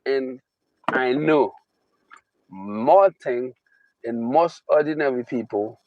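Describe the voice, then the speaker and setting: Man, Haitian accent, motivational talk, repeats for emphasis, unhurried delivery, dull lo-fi sound. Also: medium pitch. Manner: emphatic, repeating phrases, slow drawn-out stresses. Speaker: motivational speaker.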